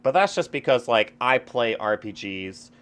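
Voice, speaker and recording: A man's voice: medium pitch, very animated, a little slow, fairly bright tone, clear, resonant tone. A man chatting casually about video games as a streamer, swearing often and rambling with lots of fillers. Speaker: gaming streamer. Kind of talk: casual gaming chat.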